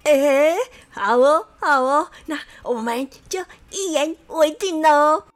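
A woman voicing a gruff, dismissive male village barber in a children's storybook, with a brusque, teasing manner. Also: sits high, takes it slowly, faint music behind, pitched above the performer's own voice. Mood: gleeful.

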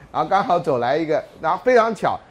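A man lecturing a university class, telling jokes and anecdotes and often laughing mid-sentence. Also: fairly high pitch.

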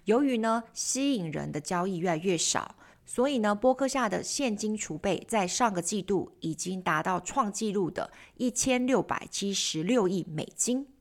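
A woman's voice: medium pitch, normal speed, hardly any pauses. A woman hosting a bilingual lesson on English news, explaining key words and slipping English phrases into her explanations. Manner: lively explaining, mixing English terms into Chinese. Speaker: language teacher and host.

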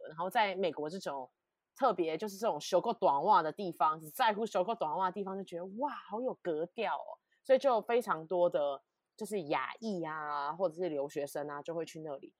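A woman co-hosting a casual podcast chat, telling stories with animated, emphatic repetition. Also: fairly low pitch, no echo, studio quality. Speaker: podcast co-host.

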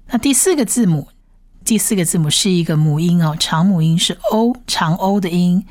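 A woman's voice: on the low side, animated, normal speed, a little mellow, no echo, studio quality. A woman teaching a Bible Hebrew reading lesson, patiently spelling out letters and repeating each sound several times. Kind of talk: slow step-by-step reading lesson.

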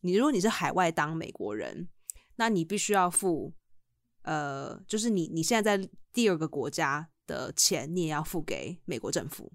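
A young woman who grew up in the United States, chatting casually on a podcast as a lively storyteller who laughs a lot. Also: sits low, normal speed, no room sound, clean studio sound. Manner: lively storyteller who keeps laughing and acting out the people she quotes. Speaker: podcast co-host. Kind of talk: casual chat.

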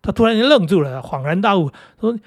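A man's voice: high voice, animated, fast talker, no room sound, studio quality. A middle-aged man with a Taiwanese Mandarin accent, hosting a casual chat and rambling through anecdotes with many fillers. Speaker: podcast host.

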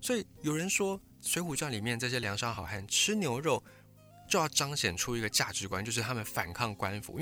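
A male host tells history in a steady, explanatory storytelling way. His tone is bright and forceful, sitting at an ordinary middle pitch. Soft music runs quietly under the voice. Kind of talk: scripted history talk.

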